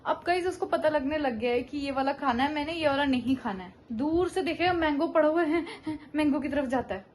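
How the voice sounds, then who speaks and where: A woman's voice: high-pitched, a little fast, darkish tone. A woman vlogging casually, talking to her viewers and coaxing a small child. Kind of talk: casual vlog talk.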